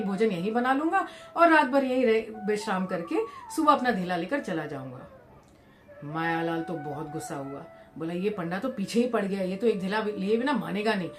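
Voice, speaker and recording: A woman's voice: medium pitch, noisy background. Indian woman telling a devotional story. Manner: switches between narration and quoted character voices. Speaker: spiritual storyteller. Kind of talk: narrated moral story with acted dialogue.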